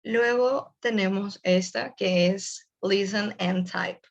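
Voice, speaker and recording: Young woman with creaky voice explaining online. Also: mid-range voice, steady tone, slow, dull audio. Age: young adult. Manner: explanatory, casual, addresses the audience directly. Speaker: webinar presenter. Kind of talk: online webinar presentation.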